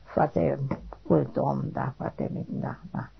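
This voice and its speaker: A woman, being interviewed for an oral history, talking haltingly, repeating short affirmations and trailing off quietly. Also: sits low, steady tone, gravelly, slightly rough. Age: 80s. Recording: dull lo-fi recording.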